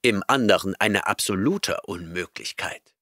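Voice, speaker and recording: A man's voice: deep voice, lively intonation, unhurried, bright, forceful tone, no room sound, clean studio sound, exaggerated voice. A man reading an audiobook voices an arrogant, eccentric male professor who lectures impatiently and snorts at his listener. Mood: lecturing.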